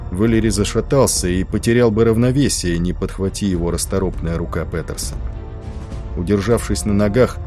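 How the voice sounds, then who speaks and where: A man narrating a novel in a steady, measured reading. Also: lowish voice, faint music behind. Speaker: audiobook narrator. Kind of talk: scripted narration.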